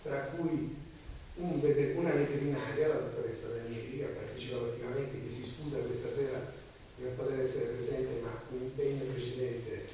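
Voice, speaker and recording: Uomo rauco per il raffreddore, sala molto riecheggiante. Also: male voice, medium pitch, fairly even intonation, a little fast, warm tone. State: hoarse with a cold. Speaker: citizens' committee spokesman. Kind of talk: semi-improvised public meeting speech. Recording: very echoey room, distant mic, faint hiss.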